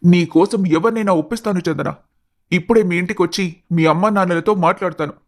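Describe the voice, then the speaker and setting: A man's voice: high voice, a little fast. An earnest lovestruck young man. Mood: earnest, pleading. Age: young adult. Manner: earnest, pleading.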